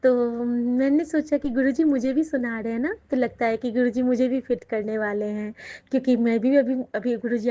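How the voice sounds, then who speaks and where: A woman's voice: fairly high pitch, warm tone. A woman sharing devotional experiences with her listeners in a chatty way, with thankful asides and frequent laughter. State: out of breath. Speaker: satsang storyteller. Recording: dull lo-fi recording.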